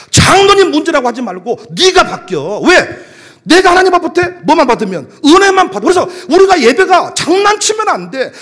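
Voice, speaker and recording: A man preaching a sermon as pastor, with a Jeolla dialect, moving between loud emphatic calls and soft asides. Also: very high voice.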